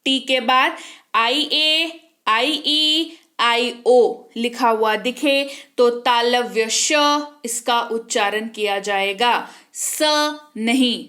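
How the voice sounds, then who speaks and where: A young woman runs an English pronunciation lesson in a high, clear voice. She spells each word out letter by letter, then quizzes her class and answers the question herself. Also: steady tone, very slow, bright, forceful tone. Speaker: English teacher.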